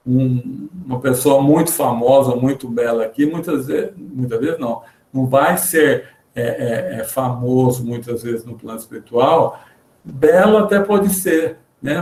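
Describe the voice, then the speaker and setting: A man's voice: mid-range voice, darkish tone. Earnest Brazilian man lecturing, echoey room. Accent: Brazilian Portuguese. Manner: earnest, halting with repeated fillers. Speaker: spiritist lecturer. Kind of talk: religious lecture with read-out passages. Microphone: computer mic in a video call. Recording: roomy echoey video-call audio.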